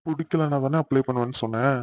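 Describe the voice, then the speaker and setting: A man voicing a young husband in an animated series, talking brusquely and dismissively and fumbling for excuses. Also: mid-range voice, fast talker, no echo, lo-fi sound, lightly acted. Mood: gruff. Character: young husband, gruff and evasive.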